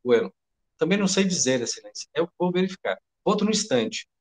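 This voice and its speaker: A jittery young male aide, fussing and bowing to his boss in a story read aloud, as a Brazilian-accented man puts him on. The voice sits a little high and darts between nervous courtesy and alarm. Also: expressive, a little fast. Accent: Brazilian Portuguese. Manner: anxious, overly polite and servile.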